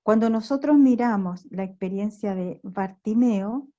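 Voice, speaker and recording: Slow, mellow woman leading a prayer workshop. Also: mid-range voice, lo-fi sound. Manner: slow, reflective, fills pauses with "eh" and "¿no es cierto?". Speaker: workshop leader. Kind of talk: teaching contemplative prayer. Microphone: online video call recording.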